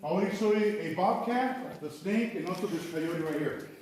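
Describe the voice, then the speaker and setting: A man working as a cave tour guide, talking to visitors in a halting way with repeated words. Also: high voice. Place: underground cavern. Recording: echoing cave, distant mic, faint noise.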